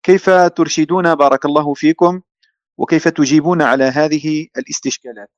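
A man's voice: a little high, fairly even intonation, a little fast, no room sound. Polite male questioner, dull lo-fi sound. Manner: polite, formal, addressing the sheikh respectfully.

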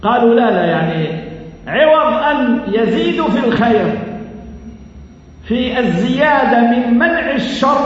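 A man preaching a sermon in an Algerian Arabic accent, earnest and emphatic, stretching out key phrases and repeating them. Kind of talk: mosque sermon. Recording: echoey hall, dull low-fi sound.

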